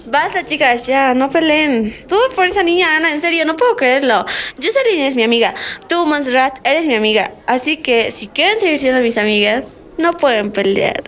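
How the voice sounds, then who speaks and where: A woman's voice: sits high, expressive, moderate pace, a bit bright. A woman playing a bossy, scheming schoolgirl in an amateur role-play drama, talking in a dramatic, exclaiming way.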